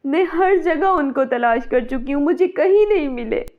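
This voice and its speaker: A woman's voice: sits high, animated, unhurried. A woman voicing an anxious, emotional village wife and mother in a cartoon. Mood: distraught. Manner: pleading, emotional. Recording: dull, muffled sound.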